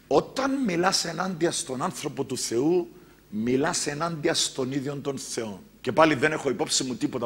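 A male pastor with a Cypriot Greek accent preaching a sermon, swinging between loud exclaimed lines and quiet asides. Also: on the high side, breathy edge.

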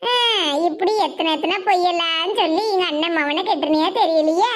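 A performer doing a mocking cartoon aunt, Tirunelveli Tamil accent, very high voice, sneering laughs, scheming. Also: moderate pace. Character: scheming middle-aged aunt, sharp-tongued and mocking. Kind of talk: cartoon voice acting.

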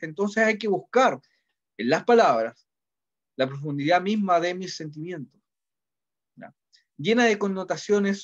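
In a classroom lecture, a middle-aged man with a Chilean Spanish accent teaches literature in a relaxed, conversational way. His voice is somewhat high, and he often stops to ask "¿ya?" to check that students are following. The audio is dull and lo-fi.

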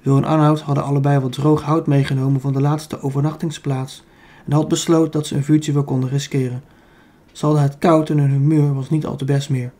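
A man's voice: on the high side, level tone, a little fast, mellow. Dutch man reading an audiobook. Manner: reads with small slips and self-corrections. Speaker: audiobook reader. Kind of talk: reading a children's book aloud.

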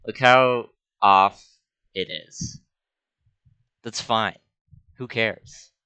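A man's voice: lowish voice, steady tone, drawn-out words, bright, forceful tone, clear, resonant tone, dry recording. A young man, an art student, casually talking through a screen-recorded drawing tutorial in an offhand, self-deprecating way. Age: young adult.

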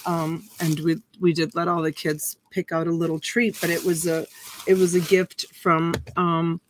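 With slight background noise and poor audio, a woman in her forties delivers flatly at a moderate pace in a low-ish voice. She's hosting a casual webcam auction stream from a home room with plush toys and a dress form, chatting in a folksy way and dragging out the bid calls.

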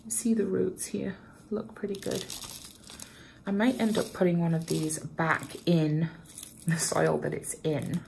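Chatty woman with a low, gravelly voice. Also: flat delivery, unhurried, darkish tone, slight background noise. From Canada. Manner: chatty, bubbly, self-deprecating. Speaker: plant vlogger. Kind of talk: casual chat while repotting plants. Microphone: camera propped in front of her.

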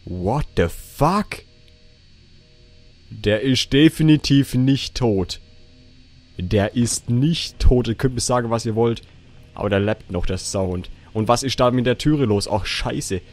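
A man's voice: medium pitch, measured pace, a little mellow, faint music behind. A young man doing casual horror game commentary, swearing a lot and shrieking at the scares. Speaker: let's play gamer. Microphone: facecam setup, desk mic.

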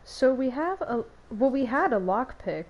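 A woman's voice: high voice, big pitch swings, measured pace, darkish tone, muffled recording. A young woman giving casual gameplay commentary as a streamer, chatty and giggly, talking to herself. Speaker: game streamer.

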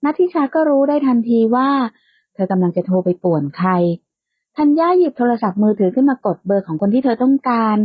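A woman narrating a romance audiobook in a calm, steady storytelling voice, in a lightly lo-fi, dry recording. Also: fairly high pitch, brisk, breathy edge, dry recording.

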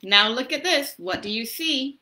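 A woman in her thirties reads a children's story aloud during an interactive story time, casually chatting and encouraging young listeners with questions. Her voice sits high, animated, pushed and bright, at a normal speed. It's a noisy home webcam recording made in a small indoor room.

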